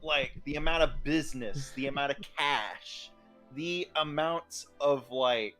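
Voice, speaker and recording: Male player, mid-range voice, smooth salesy persuader. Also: medium pitch, unhurried, sharp tone, faint music behind, poor audio. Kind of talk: casual game chat and in-character pitching.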